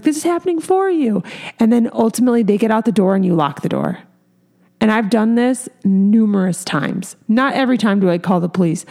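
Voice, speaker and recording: Candid woman with a mellow voice. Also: fairly high pitch. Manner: earnest, candid, lots of fillers. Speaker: salon owner and hairstylist. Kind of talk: casual podcast talk.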